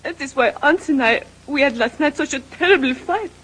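Weepy young french maid, high voice, halting broken english, old radio play. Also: female voice, expressive, a bit bright, slight background noise, low-quality recording. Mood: tearful. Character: tearful young French maid, lovesick girl. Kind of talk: old-time radio drama.

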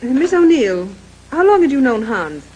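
A woman's voice: high-pitched, sing-song, moderate pace, darkish tone, muffled recording, a little hiss or hum. An actress playing a polite young woman detective asking questions in an old-time radio drama. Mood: poised.

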